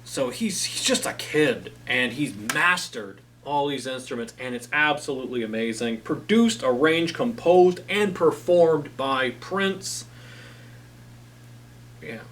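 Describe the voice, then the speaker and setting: A man's voice: mid-range voice, lively intonation, takes it slowly, a bit bright, distant mic, a little hiss or hum. A man hosting a casual talk about old albums, enthusiastic and rambling with lots of fillers. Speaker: host.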